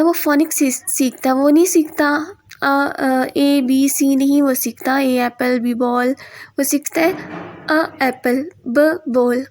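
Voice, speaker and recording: A woman's voice: sits high, darkish tone. A middle-aged Pakistani woman with a Pakistani accent and Urdu as her first language, teaching a spoken English lesson at a board. She explains step by step, mixing in English terms and often checking in with "ठीक है".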